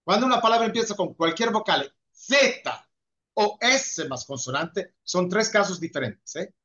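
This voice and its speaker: A man's voice: sits high, animated, unhurried, bright, forceful tone. A man teaching an Italian class over a video call, patiently answering students' questions and praising them often. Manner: patient, encouraging, repeats praise. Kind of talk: online class Q&A. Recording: muffled video call audio.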